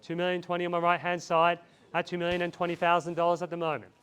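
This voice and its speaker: A man's voice: high-pitched, monotone, fast, fairly bright tone, clear, resonant tone. A man calling a live property auction outdoors, repeating bid figures in a chant and urging buyers on. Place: outdoors in a residential street.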